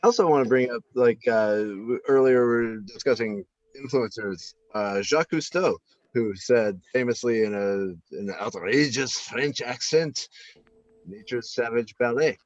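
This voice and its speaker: A man in rambling deadpan comedic banter, halting and full of fillers and restarts. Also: medium pitch, no echo, lo-fi sound. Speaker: panelist.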